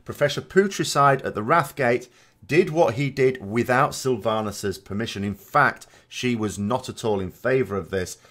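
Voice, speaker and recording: A man narrating a video of game lore commentary, explaining things in a measured, emphatic way. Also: mid-range voice, a bit bright.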